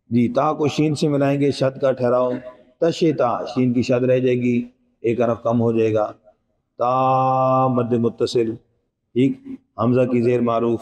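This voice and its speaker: On a rough recording, a man with a mid-range, darkish voice patiently takes students through recitation pronunciation, going letter by letter and quizzing the class. Now and then he chants verses in a drawn-out, melodic tone.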